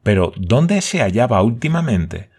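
A man voicing an eager, excitable scholar who asks question after question. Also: medium pitch, a little slow, breathy edge, full character voice.

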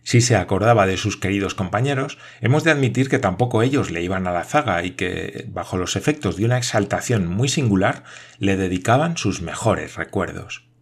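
A man narrating an audiobook in a measured storytelling manner. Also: low voice, lively intonation, slightly rough.

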